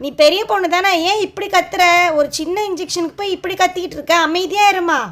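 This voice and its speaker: A woman's voice: extremely high pitch, fast talker, a bit bright, voice pushed up. A woman voicing a patient adult nurse doll who soothes and coaxes a frightened child in a doll show. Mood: coaxing. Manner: soothing, coaxing, explaining step by step.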